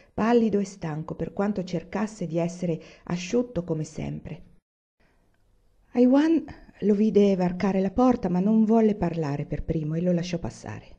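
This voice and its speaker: Gravelly woman reading a novel aloud. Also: lowish voice, mellow. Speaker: reader. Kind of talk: audiobook narration. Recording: dull lo-fi recording.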